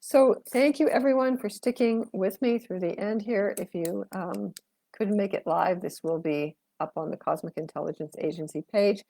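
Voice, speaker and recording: Reading tarot on a live stream, a middle-aged astrologer talks in a chatty, meandering way, heavy on fillers, as she answers viewers' comments and her voice fades. Her medium-pitched voice has vocal fry and a dark tone at a normal speed, with no room sound.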